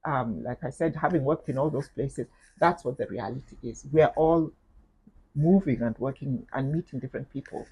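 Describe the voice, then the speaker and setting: A middle-aged woman with a Kenyan accent, speaking as an interview guest in a measured, thoughtful way, with frequent fillers and repeated words. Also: extremely low pitch, dark tone, slightly rough, low-quality recording. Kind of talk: reflective interview conversation.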